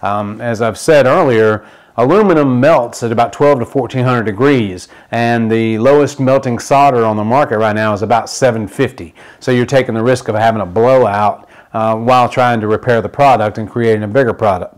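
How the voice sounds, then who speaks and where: Middle-aged man demonstrating a product. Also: mid-range voice. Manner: plain step-by-step explaining with frequent fillers. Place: indoor demo table in a studio-like room.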